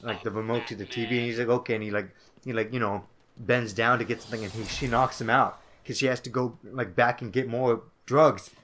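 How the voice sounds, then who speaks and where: A man's voice: medium pitch, steady tone, fairly quick, fairly bright tone, a little hiss or hum. A young man co-hosting a let's play, rambling casually with lots of filler words and playful asides. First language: English. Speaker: co-host of a gaming let's play. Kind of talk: casual gaming chat.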